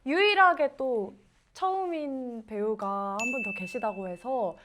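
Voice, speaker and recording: A woman in her twenties, a newly debuted musical actress, chatting as a guest and laughing easily. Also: fairly high pitch. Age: 20s. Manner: excitable, quick to laugh. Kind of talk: casual talk show chat.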